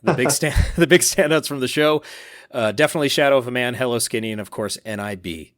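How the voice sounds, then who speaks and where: A man co-hosting a casual podcast, reading listener messages aloud in an upbeat, animated way. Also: medium pitch, fast talker, no room sound, studio quality. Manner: upbeat, reads quotes aloud with animated emphasis.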